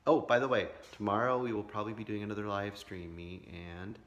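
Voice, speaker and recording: A man's voice: fairly low pitch, a little fast, a bit bright, lo-fi sound. A tired man in his fifties chatting casually and rambling in a late-night vlog, with many fillers. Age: 50s. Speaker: vlogger.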